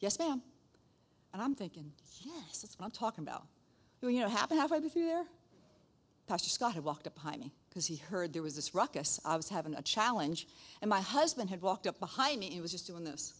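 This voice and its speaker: Animated woman preaching a sermon. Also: fairly low pitch, fairly quick, husky. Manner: animated storytelling with playful asides and laughs. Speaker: pastor's wife and church leader.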